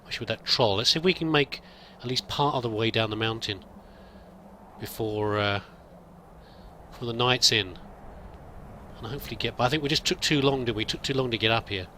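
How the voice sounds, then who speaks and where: In a let's play, a man voices a pilgrim, giving in-character commentary as he muses hesitantly and lets his thoughts wander aloud. His mid-range voice is a little fast, bright and forceful, over slight background noise.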